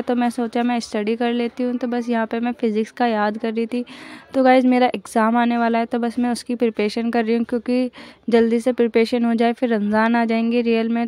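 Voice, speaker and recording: A woman's voice: fairly high pitch, darkish tone, smooth, dry recording. Chatty young woman narrating a vlog. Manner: chatty, rambling, often starts with "so guys". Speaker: vlogger. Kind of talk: casual voice-over narration of a daily vlog.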